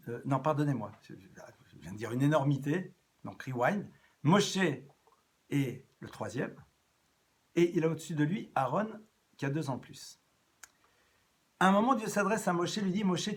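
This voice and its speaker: A man giving an evening lecture as a rabbi, animated, swinging between loud rises and soft drops and repeating phrases as he thinks. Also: fairly high pitch, normal speed, long pauses. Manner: repeats and restarts phrases as he talks.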